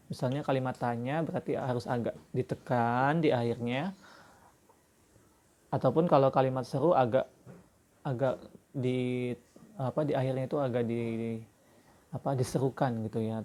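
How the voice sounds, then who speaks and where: A man's voice: medium pitch, dark tone. A man teaching a religious school class to young children, explaining patiently with many fillers and restarts.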